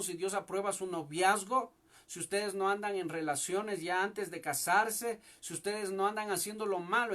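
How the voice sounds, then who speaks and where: A man's voice: high-pitched, fairly bright tone. A young male pastor preaching a fervent sermon from a home church service, often calling out to his listeners as brother. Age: young adult.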